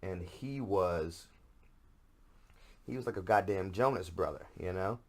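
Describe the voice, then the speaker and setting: Man, podcast host, very deep voice, slow, profane, self-mocking, rambling. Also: a little mellow. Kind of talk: casual comic monologue.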